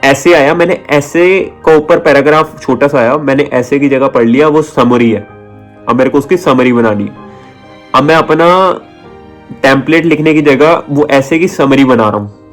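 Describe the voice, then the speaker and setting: A man's voice: mid-range voice, moderate pace, faint music behind. A chatty young man telling stories and giving tips in a casual vlog, often acting out people and sounds. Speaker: vlogger giving exam tips.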